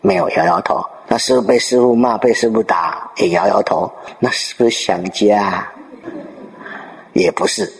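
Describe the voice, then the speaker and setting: Male dharma teacher, lower register, lively storyteller who quizzes his listeners; recorded with long hall reverb. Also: moderate pace. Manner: checks in with rhetorical questions to listeners. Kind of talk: dharma talk retelling a Zen story.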